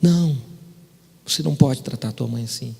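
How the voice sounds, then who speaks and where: A man voicing a kindly old man who gently counsels a young man, with a fatherly, pleading manner, in a reverberant church hall. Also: medium pitch, moderate pace, creaky, husky. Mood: gentle.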